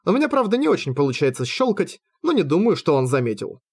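A man reading a fantasy audiobook in the first person, with lively, wry storytelling. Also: a little high, fast, breathy edge. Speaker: audiobook reader.

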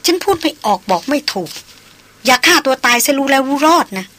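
Woman doing anxious young foreign woman, pleading, strained, bright voice, audiobook. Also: sits high, animated, a little fast, voice pushed up.

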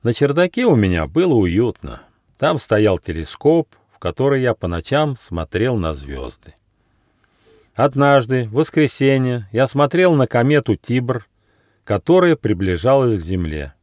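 A man reading a children's fairy tale with an animated, rising and falling voice. The sound is close and dry, with no room around it. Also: medium pitch, measured pace, no room sound. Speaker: author reading his audiobook. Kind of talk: storybook narration.

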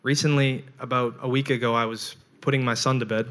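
A man's voice: medium pitch, steady tone, brisk, a bit bright. Earnest young preacher man. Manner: earnest storytelling, short phrases. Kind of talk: sermon with live interpretation.

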